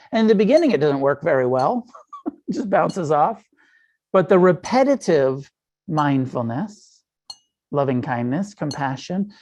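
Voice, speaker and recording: A man's voice: sits high, darkish tone, muffled recording. A middle-aged man giving a casual dharma talk as a meditation teacher, frank and profane, with frequent fillers and restarts.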